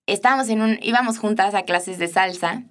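A woman's voice: medium pitch, a little fast. A young woman with a Mexican accent, chatting with her mother and telling a personal story with frequent laughs. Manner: warm storytelling, laughing often. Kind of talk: casual chat.

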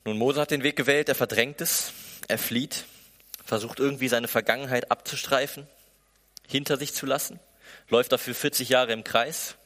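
A man's voice: mid-range voice, fairly even intonation, normal speed, a bit bright. A man preaching a sermon in German in a conversational way, often slipping into the inner voices of the people he describes. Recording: echoey hall with long reverb.

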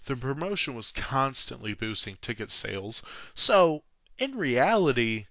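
With a sing-song delivery, a little slow, this mid-range male voice sounds pushed and bright, with no echo. He narrates scripted sports history, peppering it with sarcastic, self-deprecating jokes and plenty of swearing.

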